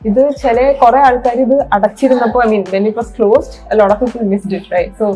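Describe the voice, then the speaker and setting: A woman's voice: a little high, fairly even intonation, measured pace, dark tone, poor audio. A woman with a Malayali accent giving casual travel vlog narration, switching between Malayalam and English mid-sentence. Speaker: travel vlogger. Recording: music under the voice.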